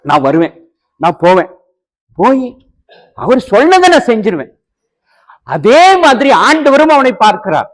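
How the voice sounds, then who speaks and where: A man's voice: extremely high pitch, sing-song, measured pace, pauses often, rough recording. A man preaching a sermon as an evangelist, acting out dialogue and rising to emphatic peaks. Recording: online radio broadcast.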